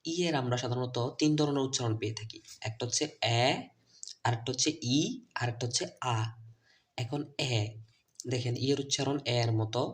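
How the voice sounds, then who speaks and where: A man teaching English letter sounds to children's teachers and parents. His first language is Bengali. He spells out the letters and repeats each word slowly. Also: medium pitch. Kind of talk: phonics lesson video.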